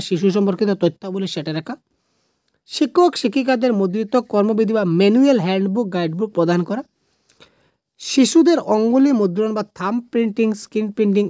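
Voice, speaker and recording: Animated woman teaching exam prep. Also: mid-range voice, dry recording. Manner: animated, coaxing, keeps asking viewers to comment, mixes in English. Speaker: teacher solving exam questions. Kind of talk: lively exam-prep lesson video.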